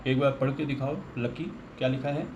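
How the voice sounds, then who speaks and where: A man's voice: medium pitch, level tone, brisk, a little mellow, slight background noise. A man teaching a Sanskrit grammar lesson, patiently explaining with everyday examples.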